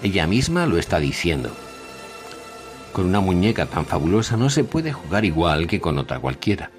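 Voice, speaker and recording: A man's voice: low-pitched, moderate pace, faint music behind. A man voicing a cold, persuasive, insistent grey salesman in a storybook reading. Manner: monotone, insistent.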